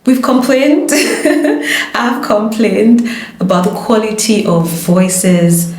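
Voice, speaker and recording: A woman's voice: mid-range voice, expressive, takes it slowly, a little mellow. A woman, a lawyer and voice-over artist, giving emphatic, passionate advice in a casual conversation. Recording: roomy echo.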